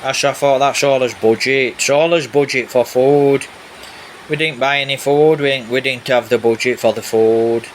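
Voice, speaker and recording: A man's voice: medium pitch, normal speed. A man giving a casual, rambling, repetitive vlog narration over video footage. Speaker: vlogger. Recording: steady background noise, rain on roof. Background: rain on a roof.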